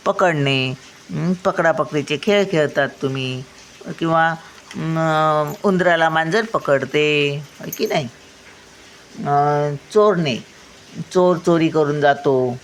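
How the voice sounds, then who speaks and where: An older woman gives a gentle vocabulary lesson for children, speaking slowly and patiently. She pauses often and explains each word with homely everyday examples. Faint background noise sits under her voice. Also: deep voice. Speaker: teacher.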